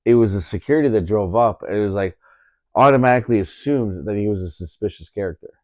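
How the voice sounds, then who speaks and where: A man's voice: fairly low pitch, fast talker, a little mellow, no room sound. A man telling a story in a casual podcast chat, indignant, repeating himself with lots of fillers.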